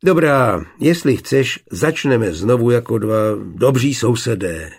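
A man's voice: mid-range voice, expressive, slightly rough. A man voicing a stubborn young glassworker who answers curtly and offended, in a storybook reading.

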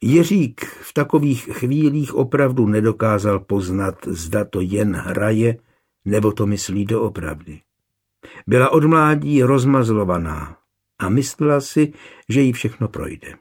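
A man reading a historical novel aloud as the narrator, in calm, even storytelling. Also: fairly low pitch, breathy edge. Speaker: audiobook narrator. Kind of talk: scripted narration.

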